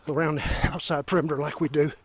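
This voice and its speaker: A man's voice: a little high, flat delivery, quick pace, slight background noise. A man filming himself on a wooded trail, out of breath and chatting as he points things out along the way. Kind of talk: casual narration while hiking. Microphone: handheld camera.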